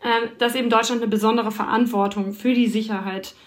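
A woman correspondent answers interview questions in detail. Her voice sits somewhat high, and she talks her way through explanations thoughtfully, with plenty of filler sounds between points. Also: steady tone, brisk. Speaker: foreign correspondent.

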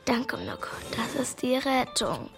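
An excitable, know-it-all young girl in a children's radio play. Her earnest voice is fairly high and takes its time, with faint music behind. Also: takes it slowly. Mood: frantic, hushed.

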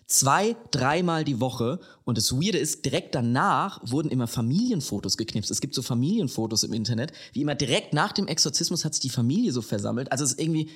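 Man from Lower Franconia telling a story. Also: husky. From Lower Franconia, Germany. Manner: animated storytelling, slows down for emphasis. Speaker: podcast co-host. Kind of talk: casual podcast chat.

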